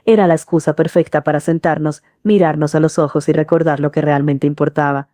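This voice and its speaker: Middle-aged lady narrating a story, low dark voice, calm and earnest, dry sound. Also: brisk, no echo. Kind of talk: scripted first-person narration.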